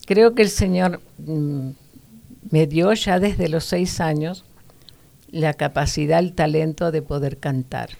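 Slowly and with vocal fry in her deep voice, a middle-aged woman tells an interviewer a story from her childhood. She's animated, acting out her sister's voice and her own as a child in this casual, personal account.

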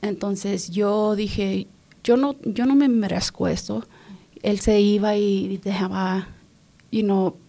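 A woman from Los Angeles giving her personal testimony in an interview, speaking haltingly, repeating words and slipping in English phrases. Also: mid-range voice, steady tone, gravelly, warm tone. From Los Angeles, California.

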